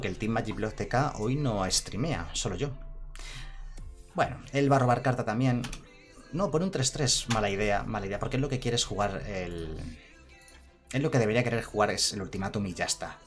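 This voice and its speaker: A man streaming a card game, chatting casually, reading chat aloud and laughing often. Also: lowish voice. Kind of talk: casual live-stream commentary.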